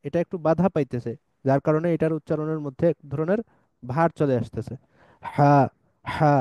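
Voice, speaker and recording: A man teaches Quranic pronunciation patiently, repeating each sound slowly. His voice is smooth, mellow and a little high. The recording is dry and close. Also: no echo, lo-fi sound. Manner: patient, models sounds slowly and recites verses in drawn-out chant. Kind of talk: explanatory lesson.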